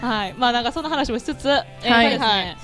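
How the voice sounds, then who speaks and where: A woman's voice: fairly high pitch, lively intonation, quick pace, music in the background. A young woman with a Kobe accent, co-hosting a casual podcast chat and reading listener mail aloud in a chatty, giggly way. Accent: Kobe dialect of Kansai Japanese.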